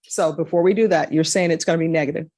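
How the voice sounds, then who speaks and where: A woman judge runs a hearing in a calm, procedural, plainly spoken way, her voice sitting a little low. The courtroom recording is dry, with little room sound around her words. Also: fast talker, dry recording.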